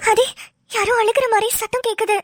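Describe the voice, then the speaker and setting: Woman doing a panicky but bossy cartoon girl, squeaky high, hurries everyone. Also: fairly even intonation, brisk, dry recording, clean studio sound, faint music behind. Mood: urgent. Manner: urgent, commanding. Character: alarmed young woman, bossy in a crisis. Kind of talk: cartoon voice acting.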